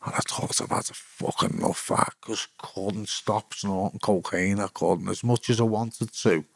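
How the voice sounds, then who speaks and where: A middle-aged man with a Liverpool accent tells his story bluntly in an interview. His voice sits a little low, and his speech is sweary and halting, full of restarts. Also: creaky, slightly rough. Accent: Liverpool Scouse. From England. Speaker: interviewee, former footballer. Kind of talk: candid personal storytelling.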